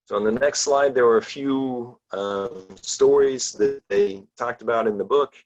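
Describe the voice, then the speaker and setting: A man's voice: mid-range voice, expressive, a little slow, a little mellow, muffled recording. A man teaching a casual book discussion class, talking loosely with many ums and restarts.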